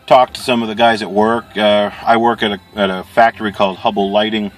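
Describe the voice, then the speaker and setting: Low-voiced man in a casual video chat. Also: flat delivery, brisk, faint music behind. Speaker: pipe-smoking video reviewer. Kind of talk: casual chat product review.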